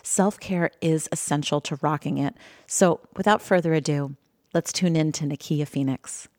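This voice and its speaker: Low-voiced woman hosting, dry sound. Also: moderate pace, a little mellow, no room sound. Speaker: podcast host. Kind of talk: conversational introduction to listeners.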